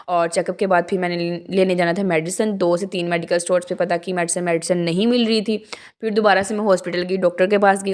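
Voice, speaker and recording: A woman's voice: fairly low pitch, darkish tone. A young woman from Pakistan telling a rambling, chatty story as a vlog voice-over, tired from talking so long. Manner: rambling and chatty, with frequent restarts and asides. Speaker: vlogger.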